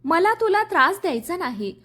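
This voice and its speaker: A woman's voice: very high voice, very animated, normal speed, bright, forceful tone, voice pushed up, full character voice. A woman voicing an earnest, protective young husband in a storybook reading, speaking firmly and pleadingly. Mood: earnest, pained.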